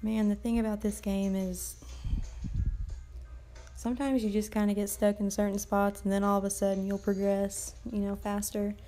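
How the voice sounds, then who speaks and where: A woman's voice: mid-range voice, flat delivery, moderate pace, mellow, soft background music. A woman casually chatting and commenting while livestreaming a mobile game, rambling and swearing now and then, her voice tired late at night. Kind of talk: casual live gameplay commentary.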